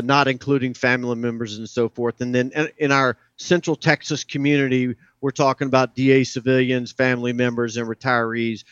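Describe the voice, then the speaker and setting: A man's voice: mid-range voice, a bit bright, clean tone, no echo, dull audio. A middle-aged man from south Louisiana, a senior soldier answering interview questions in a proud, plain-spoken, gung-ho way. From south Louisiana, United States. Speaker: army command sergeant major, guest.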